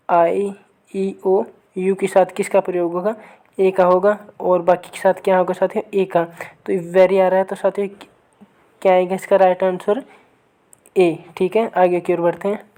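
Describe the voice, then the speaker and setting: A woman teaching an online grammar lesson, who keeps asking her viewers for the right answer and reads each sample sentence slowly and again. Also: medium pitch, dark tone. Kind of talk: online exam-prep lesson.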